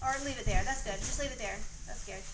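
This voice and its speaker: A Southern woman with a high, fairly bright, creaky voice reads a story aloud quickly, directing a children's dramatization. She keeps breaking off script to coach and prompt the young performers with stage directions. The amateur recording is noisy and made in an echoey room.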